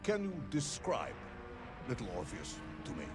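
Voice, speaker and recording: Stern interrogating general, clipped, game score behind. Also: male voice, mid-range voice, wildly swooping pitch, normal speed. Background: game music.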